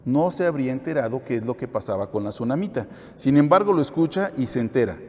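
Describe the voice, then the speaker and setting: A man's voice: medium pitch, lively intonation, fast talker, warm tone. A man teaching a Bible study, asking the listeners questions and then answering them himself. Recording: echoey hall, dull lo-fi sound.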